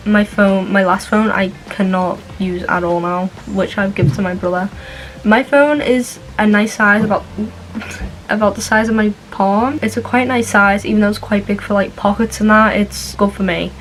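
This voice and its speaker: A woman's voice: mid-range voice, fairly even intonation, normal speed, a little hiss or hum, low-quality recording. A young woman giving a casual tutorial in an informal, chatty way, with asides. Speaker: vlogger. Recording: music playing behind the voice. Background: background music.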